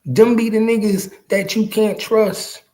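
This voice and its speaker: High-pitched and a little mellow, this podcast host speaks a bit slowly in a steady tone. In his early forties, he gives his viewers casual, slangy street commentary, emphatic and profane, with phrases repeated to drive them home.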